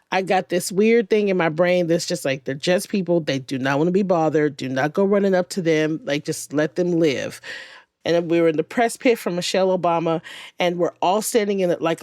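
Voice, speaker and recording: A woman podcast host chatting casually in a studio, telling stories with animated energy, swearing and laughing often. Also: on the low side, no echo. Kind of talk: casual chat.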